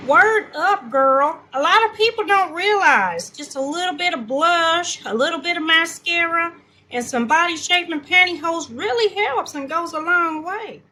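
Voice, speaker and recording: Sassy, self-promoting businesswoman guest, played by a woman in sketch comedy: forceful, high, slangy delivery. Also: lively intonation, unhurried, exaggerated voice, poor audio. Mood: sassy, boastful. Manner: slangy, brash, upbeat. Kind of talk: comedic character interview.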